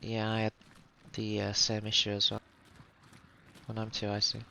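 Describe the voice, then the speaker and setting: A man's voice: on the low side, completely flat delivery, moderate pace, gravelly, pushed and bright. A man coordinating his team in casual tactical game voice chat. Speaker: player, team leader. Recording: voice chat with faint noise.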